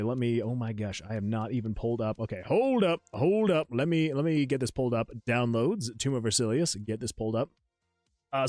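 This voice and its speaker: A man chats casually on his game development livestream, rambling and restarting his sentences as he sorts out his software. He laughs at himself often and keeps an easy, self-deprecating tone. He speaks into a desk microphone at a home setup, with faint music playing behind him. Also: medium pitch, dry recording. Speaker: solo game developer and streamer. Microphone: USB desk microphone.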